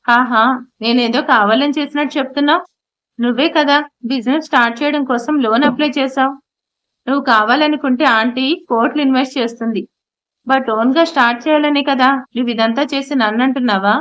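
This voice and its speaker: A woman's voice: high-pitched, a little fast, fairly bright tone. A woman voicing a torn young man in an audio story, speaking defensively and pleadingly. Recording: slightly muffled audio.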